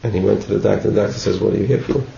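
Racing along in a low, gravelly, dark voice with fairly even intonation, a man teaches a text study class from the Torah. He reads and explains passages informally, repeats words, and asks "right?" a lot, all recorded dull and lo-fi in an echoey room with faint noise.

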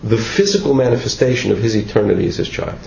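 A man's voice: lowish voice, fast talker, creaky, darkish tone. A man teaching a text study class, reading passages and explaining them in an informal way, often asking "right?". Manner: informal, repeats words, asks "right?" often. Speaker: teacher giving a Torah class. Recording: echoey room, dull lo-fi with faint noise.

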